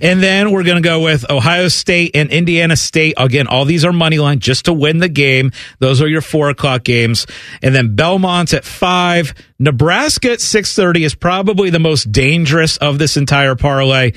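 A man hosting a casual sports betting show, laying out his picks and excitedly acting out his own reactions as he tells stories. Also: a little high, moderate pace, no room sound.

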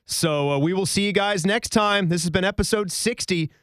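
A man's voice: high voice, normal speed, a bit bright, no echo. A man hosting a casual college basketball podcast, chatty and jokey, recorded in a station studio. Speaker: podcast host. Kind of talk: casual sports podcast chat.

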